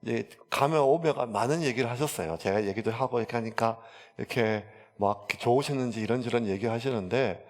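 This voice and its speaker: A man's voice: mid-range voice, a little fast, few pauses. Pastor guy rambling thru a story in his sermon, lots of fillers, big echoey church. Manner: chatty storytelling with many fillers. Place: church sanctuary. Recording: long church hall reverb.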